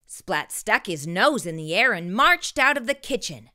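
A woman reading a children's storybook aloud expressively, with deliberate, dramatic pauses. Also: mid-range voice, very animated, sharp tone. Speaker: storytime host and narrator.

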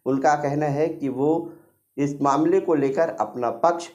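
A man narrating a local news report in a steady, measured tone, then questioning an interviewee. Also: fairly high pitch.

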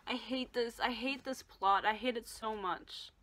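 A woman's voice: a little high, unhurried, a bit bright. A young woman giving a casual, exasperated and emphatic book reaction vlog from her bed, recorded at about arm's length. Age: young adult. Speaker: book vlogger. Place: bedroom, lying or propped on bed.

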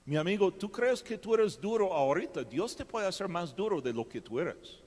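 Male pastor, high voice, slow emphatic sermon delivery, long hall reverb. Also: big pitch swings. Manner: emphatic preaching with sharp swings in loudness. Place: church hall.

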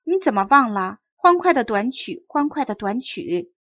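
A woman doing a calm talking trumpet. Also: on the high side, dry recording. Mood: urging. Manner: calm, steady, unhurried. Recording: dry dull close recording.

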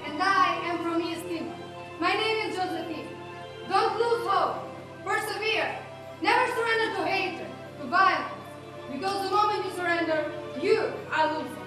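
Young woman on stage, slow and pleading, high voice, super echoey theater. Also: recorded from a distance, music in the background. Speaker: stage performer. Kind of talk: theatrical monologue.

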